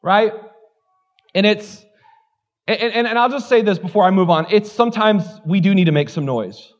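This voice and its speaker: A man's voice: high-pitched, moderate pace, highs cut off. A man preaching a sermon as pastor in a church, candid and conversational, joking at his own expense and filling his talk with "like.". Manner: candid, conversational, self-deprecating, many "like" fillers.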